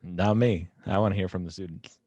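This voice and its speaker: Deep-voiced laid-back joking man. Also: steady tone, a little fast, dark tone, muffled recording. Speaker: co-host, physician. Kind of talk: casual webinar banter.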